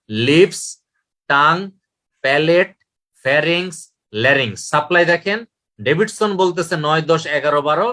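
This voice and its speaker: Delivering a medical lecture, this man speaks in a fairly bright, somewhat high voice. He repeats key points and poses questions that he then answers himself.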